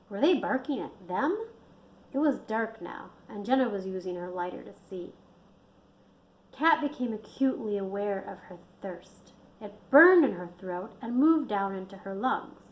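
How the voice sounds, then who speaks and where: A woman reading her own book aloud in a steady storytelling manner. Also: medium pitch, unhurried, slight background noise, low-quality recording. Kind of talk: audiobook narration.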